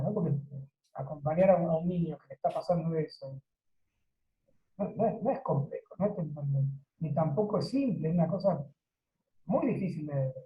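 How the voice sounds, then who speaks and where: Man, Argentine accent, course host, hesitant, repeats words, roomy echo, muffled call sound. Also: a little high. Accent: Argentine Spanish. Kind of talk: conversational discussion. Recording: echoey, dull video call audio.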